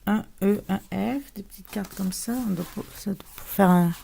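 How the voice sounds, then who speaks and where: A woman's voice: mid-range voice, moderate pace, vocal fry, dark tone, slight background noise. A woman chatting casually as she unboxes and shows scrapbooking paper, with lots of fillers and restarts. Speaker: scrapbooking vlogger.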